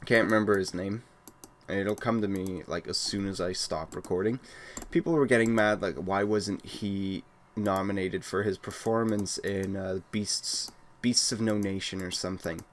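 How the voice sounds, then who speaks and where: A young man from Wales with a lowish voice vents in a blunt, exasperated monologue. He keeps restarting his sentences as he talks at his computer, with soft keyboard typing behind him. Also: fairly even intonation, moderate pace, slight background noise. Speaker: gaming channel host. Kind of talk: casual ranting monologue.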